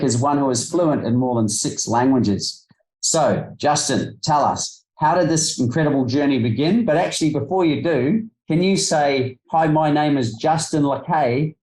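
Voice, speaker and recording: A man's voice: mid-range voice, a little mellow. An upbeat man with an Australian accent hosting an interview, with friendly banter. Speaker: host. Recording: roomy echo.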